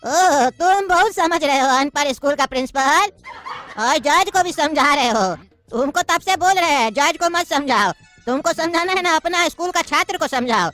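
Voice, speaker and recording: A woman's voice: high voice, expressive, normal speed, a bit bright, soft background music. A woman voicing a pompous old male judge near retirement in a cartoon comedy, speaking in a bossy, mocking, lecturing way.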